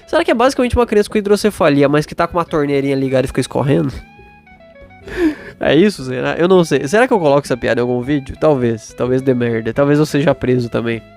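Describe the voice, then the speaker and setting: A man's voice: mid-range voice, animated, fast talker, darkish tone, faint music behind. A Brazilian man hosting a solo podcast in a casual, rambling monologue, blunt and self-doubting, sweary, with a sore throat and stuffy nose. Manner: acts out imagined dialogue mid-monologue.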